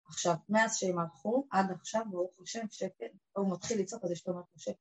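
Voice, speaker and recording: Speaking in a husky voice on a rough recording, a woman shares an emotional story from her own life with a group. She performs the quoted voices of the people involved, her pitch and volume rising and falling vividly.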